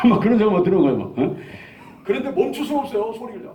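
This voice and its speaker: Animated Korean pastor in his sixties. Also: sits high, racing, a crowd in the background. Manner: animated storytelling, acting out quoted dialogue. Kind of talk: sermon testimony. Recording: dull lo-fi sound.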